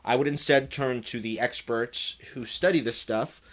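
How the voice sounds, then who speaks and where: A man's voice: medium pitch, normal speed, fairly bright tone. A man hosting a live show, talking through a story in a half-joking mock newscaster delivery, with lots of ums and uhs and wry asides. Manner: wry, joking, many fillers. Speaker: host.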